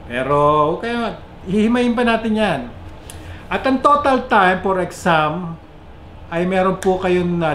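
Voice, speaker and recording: A Filipino man with a Filipino accent talks to his viewers in a chatty vlog, switching between English and Filipino. His voice sits a little high and keeps jumping up and down in pitch and loudness. The recording sounds roomy and echoey, with a faint hiss behind it. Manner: pitch and loudness swing up and down a lot. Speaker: vlogger. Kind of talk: casual vlog explainer. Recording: echoey room with faint background noise.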